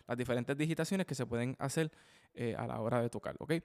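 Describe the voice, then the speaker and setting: Drum teacher a resonant voice. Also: male voice, medium pitch, quick pace, gravelly, a little mellow. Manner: explains with frequent "ok?" and "¿verdad?" checks, counts sticking aloud. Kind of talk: instructional video lesson. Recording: long hall reverb.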